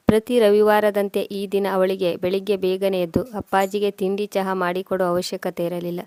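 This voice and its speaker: Woman narrator, steady scripted storytelling; flat, dry close-mic read. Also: mid-range voice, no echo.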